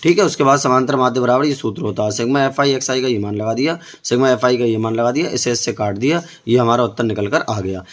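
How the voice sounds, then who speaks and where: Guy tutoring math, walks thru each step, keeps asking the kids stuff, middle pitch. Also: fast talker, few pauses. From India. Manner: explains step by step, keeps asking the students questions. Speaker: math teacher. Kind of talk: board-exam tutoring lesson.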